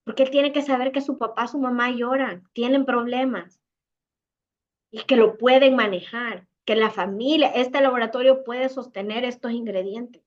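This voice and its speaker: A woman's voice: a little high, steady tone, moderate pace, highs cut off. Woman with a Salvadoran accent giving parenting advice. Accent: Salvadoran Spanish. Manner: warm conversational advice, acts out little dialogues. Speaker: parenting speaker. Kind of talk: online parenting talk.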